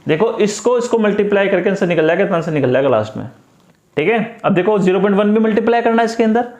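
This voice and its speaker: Male tutor, high-pitched, patient step-by-step explainer, echoey room. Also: animated, fast, a little mellow. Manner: repetitive, coaxing, talks through each step. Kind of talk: step-by-step math lesson.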